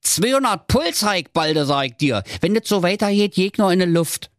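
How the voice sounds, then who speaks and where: A man's voice: high voice, big pitch swings, moderate pace, dry recording, studio quality, pitched above the performer's own voice. A man voicing a cheeky, grumpy talking unexploded bomb that speaks in Berlin slang. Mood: grumbling. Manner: slangy, cocky, grumbling. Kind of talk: comic fairy tale reading.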